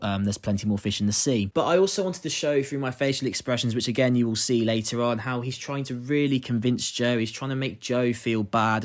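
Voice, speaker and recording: A young man, a drama student, earnestly explaining his own acting performance with frequent "um"s and "sort of"s. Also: medium pitch. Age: young adult.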